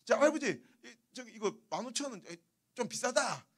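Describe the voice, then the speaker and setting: A man doing a pushy bargaining pastor, brisk and insistent, high husky voice. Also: very animated, heavily acted. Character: pushy haggling middle-aged male pastor.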